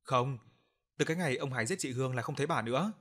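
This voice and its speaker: A man doing a brisk young shrimp farmer. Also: medium pitch, fairly bright tone, lightly acted. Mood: earnest.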